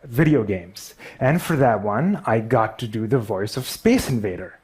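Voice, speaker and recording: A man with a Pakistani accent tells a personal story, stuttering and poking fun at himself. His voice is medium-pitched and slightly rough, with lively intonation and an unhurried pace.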